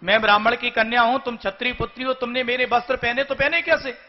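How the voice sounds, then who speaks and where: A man's voice: very high-pitched, steady tone, fast, long reverb tail, pitched above the performer's own voice. A man putting on a proud, offended young Brahmin woman. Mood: indignant. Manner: repeats her complaint insistently. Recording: dull lo-fi recording, faint music.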